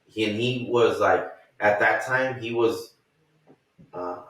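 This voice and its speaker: A man's voice: on the low side, slow pace, distant mic. A man in his thirties from the US, telling profane, rambling stories on a casual podcast. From United States. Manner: profane, rambling, animated retelling with acted quotes. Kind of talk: casual storytelling. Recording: echoey room, off-mic.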